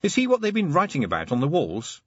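A hard, blunt young woman officer who speaks grimly, as a narrator puts her on. The voice is husky and lively, and the recording sounds dull and dry. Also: fairly high pitch, quick pace, dry recording, voice pushed up, full character voice. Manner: blunt, bitter.

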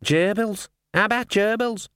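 A man voicing a chatty, excitable male raven that squawks and gossips in a storybook reading. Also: sits high, a little slow, smooth, no echo, studio quality, pitched above the performer's own voice. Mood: gossipy.

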